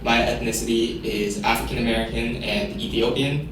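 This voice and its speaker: A man's voice: medium pitch, moderate pace. Young man in an echoey room. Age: 20s. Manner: relaxed storytelling, says "like" a lot. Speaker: interviewee. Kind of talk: casual interview answers. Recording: echoey room, far from mic, noisy.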